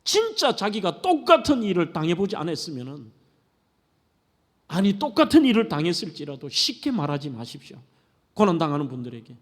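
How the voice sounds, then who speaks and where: A man's voice: high voice, big pitch swings, a little fast. A middle-aged man, a pastor preaching a sermon in a church, speaking earnestly and putting questions to his congregation. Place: church sanctuary. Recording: long church-hall reverb.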